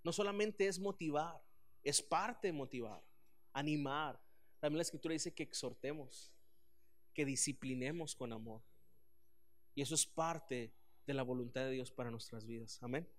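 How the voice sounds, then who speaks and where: A man, preaching a sermon as pastor, earnest and animated with frequent restarts. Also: medium pitch, moderate pace.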